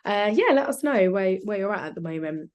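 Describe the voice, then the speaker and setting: A woman's voice: medium pitch, lively intonation, brisk, a little mellow, dull audio. A woman with a South London accent hosting a live online session in an informal, chatty way. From South London, England. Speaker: webinar host.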